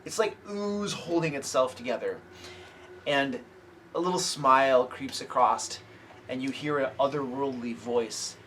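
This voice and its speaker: Speaking at a measured pace in a mid-range voice, this man is the game master of a tabletop fantasy session. He alternates scene-setting narration with relaxed chatter at the table, and the room is audibly noisy.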